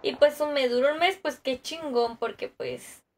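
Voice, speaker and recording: A young woman with a Mexican Spanish accent, talking to her viewers as she plays a game. Her voice sits high and she chats loosely and profanely, greeting people by name. A faint hiss runs under her voice. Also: moderate pace. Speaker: gaming streamer. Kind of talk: casual livestream chat while playing.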